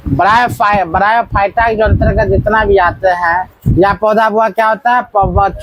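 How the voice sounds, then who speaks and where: A man's voice: sits high, no echo, poor audio. A man teaching a biology lesson to a small class, quizzing the students with repeated questions as he goes.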